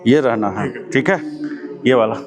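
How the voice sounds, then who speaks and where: A man's voice: medium pitch, normal speed, over music. A man teaching a yoga class, giving patient step-by-step instructions on breathing and chanting. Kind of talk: guiding a live yoga class.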